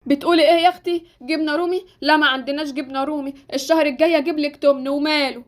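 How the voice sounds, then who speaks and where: A woman voicing a stingy, sharp-tongued poor mother with an Egyptian accent, scolding fast in a Roblox story. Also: high-pitched, fairly even intonation, lightly acted. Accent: Egyptian Arabic. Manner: scolding, penny-pinching.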